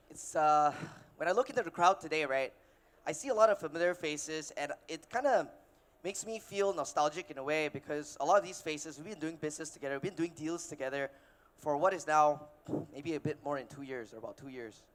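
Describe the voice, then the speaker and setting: High-voiced man giving a keynote. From Malaysia. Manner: casual, energetic, fast-paced with fillers and restarts. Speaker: keynote speaker, investor. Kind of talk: conference keynote. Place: conference stage before an audience.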